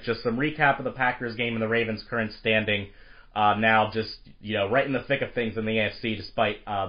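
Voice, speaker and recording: Guy hosting a sports podcast, bit raspy from a cold, lowish voice, kinda muffled audio. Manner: brisk, with frequent uh fillers. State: has a cold, slightly raspy. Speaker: podcast host. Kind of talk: sports podcast intro and discussion.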